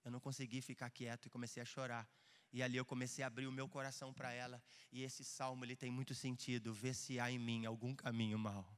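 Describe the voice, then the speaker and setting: A man in his thirties with a Brazilian Portuguese accent, preaching a sermon as pastor, impassioned and swinging from hushed confession to shouting. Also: medium pitch, level tone, fast, clear, resonant tone. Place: church hall. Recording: echoey church hall.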